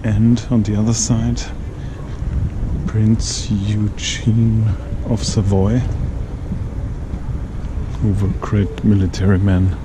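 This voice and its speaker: A man leads a walking city tour, speaking very slowly in a fairly low voice. He points out the sights with many pauses as he strolls. The outdoor recording carries clear street and traffic noise behind him. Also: little pitch movement. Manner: leisurely, pointing out sights, pausing often. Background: street ambience and passing traffic.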